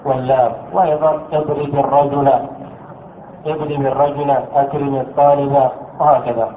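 A man teaching an Arabic grammar lesson. He asks his students questions, answers them himself and repeats key words slowly. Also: mid-range voice, flat delivery, a little hiss or hum. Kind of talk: classroom lesson explaining a text. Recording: echoey room over a thin phone-like line.

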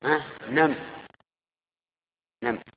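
A man's voice: fairly high pitch, fairly even intonation, very slow, slight background noise. Male teacher in an echoey hall. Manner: quizzes students, repeats answers. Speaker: Arabic grammar teacher. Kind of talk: classroom grammar lesson. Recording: tinny echoey hall recording.

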